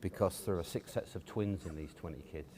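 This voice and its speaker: A man, a guest telling stories from his upbringing in a relaxed, hesitant way with many fillers. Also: low voice, fairly quick, slight background noise. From Cottingham, near Hull, England. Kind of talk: casual storytelling interview.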